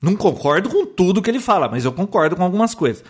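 A man's voice: high-pitched, very animated, quick pace, husky. A Brazilian man co-hosting a casual podcast chat, telling opinionated stories with many restarts. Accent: Brazilian Portuguese. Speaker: podcast co-host.

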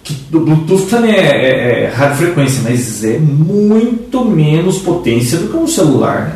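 A man's voice: moderate pace, far from the mic. Male co-host, explainer type, talks from across an echoey room. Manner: explanatory, lively pitch swings. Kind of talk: casual tech chat.

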